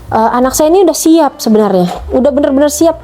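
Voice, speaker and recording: A middle-aged mother talks fast and animatedly in a warm voice, with faint music behind her, as she tells her conversion story about her child. She retells events emotionally, acting out the dialogue with rising pitch.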